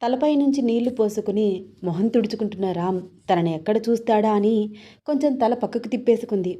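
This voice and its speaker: A woman narrating a romance story in a smooth, even storytelling manner. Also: on the high side, brisk.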